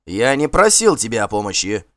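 A man's voice: medium pitch, very animated, normal speed, fairly bright tone, no room sound, studio quality. A man voicing a stern, contemptuous Norse warlord in an audiobook, commanding and scornful. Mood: cold. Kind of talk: audiobook character voice.

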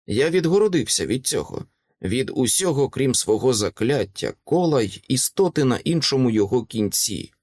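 Man, dramatic audiobook narration, very lively pitch, dry close sound. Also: normal speed, no room sound. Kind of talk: first-person audiobook narration.

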